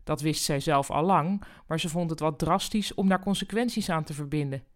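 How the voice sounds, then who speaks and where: Woman calmly reading a story aloud. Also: low voice, normal speed. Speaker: podcast host and reader.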